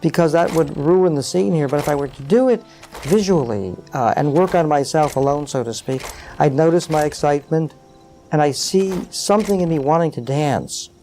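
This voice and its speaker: Middle-aged male guest, mellow, slightly high voice, reflective and filler-heavy, soft music behind. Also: moderate pace. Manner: thoughtful, many uh fillers, animated explaining. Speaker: interview guest, psychologist. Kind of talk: reflective interview conversation.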